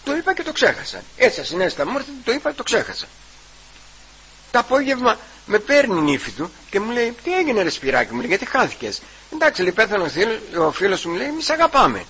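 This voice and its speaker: A man giving a personal testimony at church. He retells the conversations and keeps repeating "I say" and "he says", with halting restarts. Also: high voice, sing-song, pushed and bright, breathy edge, poor audio.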